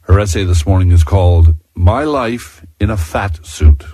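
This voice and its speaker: A man hosting a radio program, reading a scripted introduction in a slow, reflective, measured way. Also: low voice, warm tone, husky, dry recording. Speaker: radio host.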